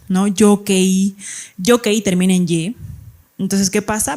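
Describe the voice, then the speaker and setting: Woman, teacher, grammar lesson, step-by-step explanations, middle pitch. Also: darkish tone. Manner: explains step by step, checks understanding with "¿ya?" and "¿no?".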